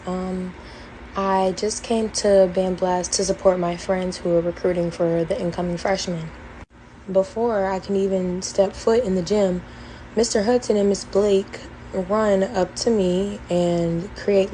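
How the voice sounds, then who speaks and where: A woman's voice: mid-range voice, mellow, slight background noise, low-quality recording. A young woman earnestly recounting her college experience in a storytime vlog, detailed and full of fillers. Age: young adult. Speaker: former college band member telling her story.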